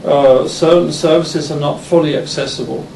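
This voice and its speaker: A Danish man in his fifties, born in England and speaking with an English accent, delivers a conference lecture as a university lecturer. His slightly high, gravelly voice keeps a fairly even intonation, but his delivery halts, with many restarts and fillers. The recording is roomy, distant, and noisy, as if captured in a hall.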